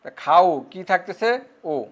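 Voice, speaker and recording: High-voiced Bangladeshi man teaching grammar. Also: animated. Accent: Bangladeshi Bengali. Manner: slow, drawn-out repetition of example words. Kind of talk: grammar lesson to students.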